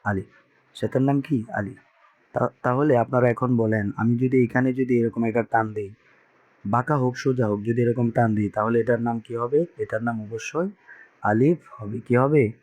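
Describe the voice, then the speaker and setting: A man's voice: mid-range voice, steady tone, normal speed, a little mellow. A man teaching Quran reading to beginners, patiently repeating each letter sound for learners to echo. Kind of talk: teaching Arabic letters with call-and-response drills.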